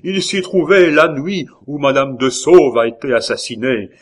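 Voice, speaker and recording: A man's voice: medium pitch, measured pace, lightly acted. A man voicing a fiery, zealous male innkeeper giving a rousing speech in an audiobook. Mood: impassioned. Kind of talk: audiobook character reading.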